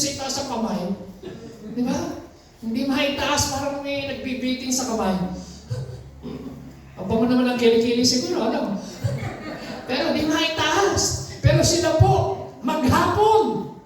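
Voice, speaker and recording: High-voiced Filipino pastor in an echoey hall. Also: male voice, recorded from a distance, a little hiss or hum. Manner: reads scripture aloud and calls for amens. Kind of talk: preaching a sermon. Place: church hall.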